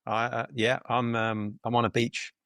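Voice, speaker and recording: A man's voice: medium pitch, flat delivery, normal speed, a bit bright, clear, resonant tone, no echo, studio quality. A man in his fifties, a dentist co-hosting the podcast, talking in a rambling, hesitant way over a video call. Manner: rambling, hesitant, many fillers and restarts. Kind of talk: casual interview chat.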